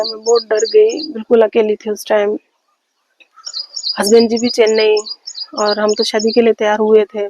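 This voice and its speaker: A woman tells a personal story slowly and haltingly, with many fillers and restarts. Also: on the high side, creaky, a little mellow. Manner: slow, hesitant retelling with many fillers and restarts. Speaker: vlogger. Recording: slightly dull lo-fi audio with faint noise.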